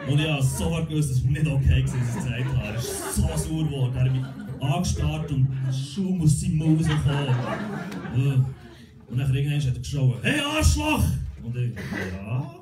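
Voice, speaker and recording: Swiss German comedian, deadpan stand-up. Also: male voice, mid-range voice, brisk, distant mic. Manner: deadpan, self-mocking, acts out voices. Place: comedy club stage. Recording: roomy club with loud crowd and music.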